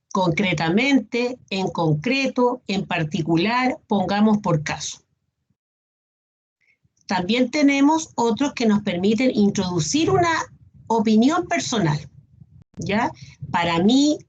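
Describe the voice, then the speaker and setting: A woman's voice: fairly high pitch, darkish tone, slightly rough. A woman teacher gives an online class, patiently listing examples and often checking in with her students. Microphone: video call. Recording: dull lo-fi video call audio.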